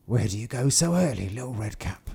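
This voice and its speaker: A man voicing a sly, hungry wolf in a coaxing, crafty manner with a gravelly, husky voice. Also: mid-range voice, expressive, a little fast, dark tone, heavily acted.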